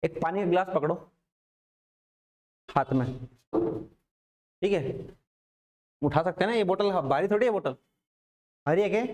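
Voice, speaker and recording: A man's voice: high-pitched, normal speed, long pauses, a little mellow. A man teaching physics in a casual classroom lecture, repeating questions to his students.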